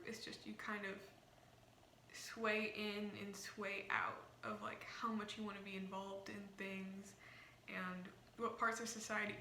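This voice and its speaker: Bright-voiced young woman with slight lisp. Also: medium pitch. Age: young adult. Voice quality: slight lisp, as if wearing a retainer. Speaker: vlogger. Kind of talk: casual rambling explainer to camera. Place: small indoor room. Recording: roomy echo, faint background noise.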